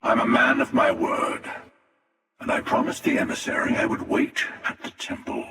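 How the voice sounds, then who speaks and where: An actor playing a menacing, sardonic armored hunter in a video game, with a raspy whisper-like voice through a helmet filter, taunting and wry. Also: male voice, mid-range voice, normal speed, pushed and bright. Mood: wry, composed. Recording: echoing, distant, long reverberant processing.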